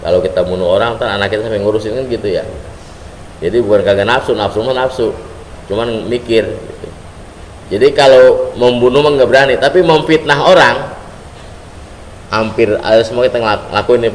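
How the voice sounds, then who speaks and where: Joking preacher in a reverberant hall. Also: male voice, fairly low pitch. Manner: joking storyteller, colloquial slang. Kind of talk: humorous sermon. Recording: reverberant hall, faint background noise.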